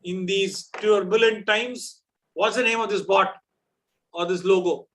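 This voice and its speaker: Man, South Indian accent, high-pitched, quiz host, chatty, teasing, unscripted explanations. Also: fairly even intonation, unhurried, fairly bright tone, a little hiss or hum. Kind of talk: live quiz hosting, off-the-cuff explanations.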